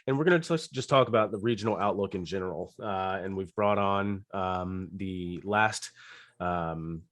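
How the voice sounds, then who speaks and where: Raspy-voiced man hosting a podcast. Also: low voice, moderate pace, no echo, studio quality. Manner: relaxed, filler-heavy, self-correcting. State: raspy from a cold. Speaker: podcast host. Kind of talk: casual podcast hosting with ad reads.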